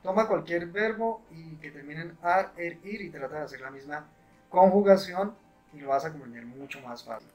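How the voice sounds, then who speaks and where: A man's voice: a little high, normal speed, a little mellow, faint music behind. A man giving a patient grammar lesson, often checking with short questions. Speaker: English teacher.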